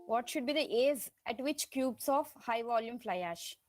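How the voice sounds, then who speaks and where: A woman's voice: fairly high pitch, expressive, normal speed, soft background music. A woman moderating a webinar, reading out audience questions in a polite, formal way. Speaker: seminar moderator.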